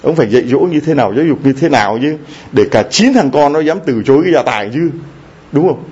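A man's voice: on the high side, animated, fast, a little mellow, husky. Priest guy preaching, chatty, keeps asking the crowd questions, kinda dull lo-fi sound. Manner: conversational preaching with frequent rhetorical questions to the congregation. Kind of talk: sermon. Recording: slightly dull lo-fi recording with faint background noise.

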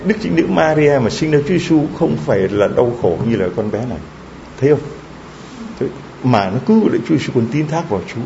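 A man's voice: mid-range voice, lively intonation, quick pace, gravelly, mellow, a little hiss or hum. A man preaching, retelling a story with strong emotion and stammered repeats. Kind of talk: moral storytelling in a sermon. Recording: dull lo-fi recording.

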